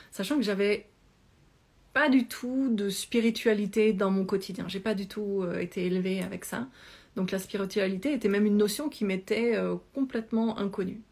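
A woman's voice: medium pitch, gravelly, husky. Woman in her thirties, yoga coach telling her life story at home into a close camera, chatty, lots of fillers and restarts. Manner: chatty, animated hand gestures, many fillers and restarts. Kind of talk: casual personal storytelling. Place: small indoor room at home. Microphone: phone or webcam close to face.

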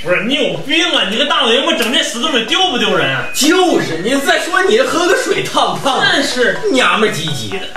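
Skit comedy: male actor as short-tempered scolding pal, Northeastern Mandarin, quick and very animated, roomy with music behind. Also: very high-pitched, recorded from a distance. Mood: exasperated. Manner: brash, scolding, exclamatory. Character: exasperated, short-tempered young male buddy who scolds.

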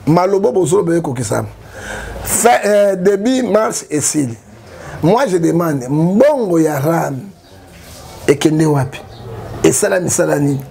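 A man from Congo with a Congolese French accent, giving animated political commentary full of rhetorical questions. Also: high-pitched, vocal fry, a little hiss or hum. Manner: emphatic, rhetorical questions, frequent "hein?".

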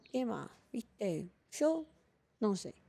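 A woman with a Venezuelan accent, hosting a casual monologue, talking in an animated, opinionated way and rambling through asides and restarts. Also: medium pitch, very slow, gravelly, husky. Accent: Venezuelan Spanish. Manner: animated, opinionated and playfully ranting; chatty with frequent restarts and asides. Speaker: podcast host.

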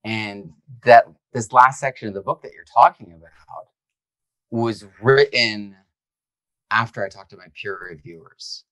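A man's voice: medium pitch, a little slow, fairly bright tone, no room sound. A male author being interviewed, speaking casually and animatedly with lots of "like". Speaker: author and guest. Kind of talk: conversational interview.

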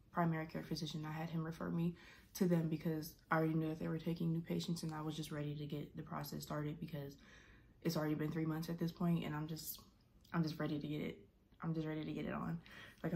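A vlogger in her twenties sits indoors in her bedroom and chats to a camera at desk distance, rambling, restarting and filling in with "like." The voice is low, fairly level and slightly mellow, and her phrases end in a lot of vocal fry.

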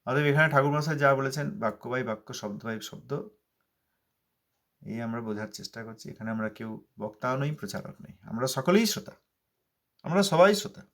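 A man's voice: medium pitch, expressive, normal speed, pauses often, fairly bright tone. Man preaching with emphatic repetition. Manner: emphatic, repetitive, asks and answers his own rhetorical questions. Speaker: spiritual teacher expounding scripture. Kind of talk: devotional sermon.

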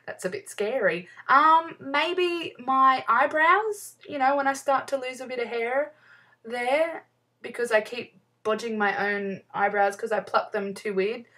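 A woman's voice: a little high, takes it slowly, sharp tone, recorded from a distance. Giggly New woman vlogging. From New Zealand. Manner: chatty, giggly, many "um"s, easily sidetracked. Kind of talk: casual chat answering fan questions.

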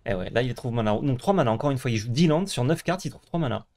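A man's voice: medium pitch, expressive, fast, a little mellow. A man with a French accent playing a card game on stream, narrating his own moves, grumbling and joking. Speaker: co-host. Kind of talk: casual gameplay commentary.

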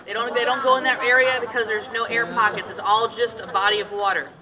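A talkative, giggly tour guide from Detroit, partly raised in Tennessee, jokes and tells stories while steering a boat across an underground cave lake. Her voice is fairly high, fairly even and quick. A passenger's camera catches her from a distance, amid crowd noise and people chattering.

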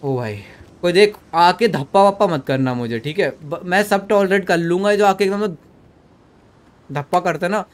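A young man with a fairly high voice streams a horror game at home into a desk mic. He jokes and trash-talks in a mix of Hindi and English, and shouts at the on-screen character. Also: normal speed. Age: young adult. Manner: joking, switching between Hindi and English, yelling at the game character. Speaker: gaming streamer. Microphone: desk microphone.

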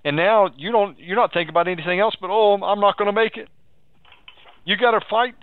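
A man with a high voice speaks a little fast as he preaches and counsels live over the radio. He exhorts and urges, repeats phrases, and poses leading questions. The audio is tinny and phone-like, with no room sound.

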